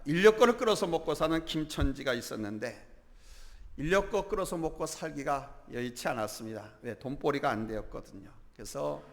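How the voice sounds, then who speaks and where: A male pastor delivering a Sunday sermon in a church, telling a story with animated delivery and acting out its characters. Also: fairly high pitch. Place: church sanctuary. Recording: echoey church hall.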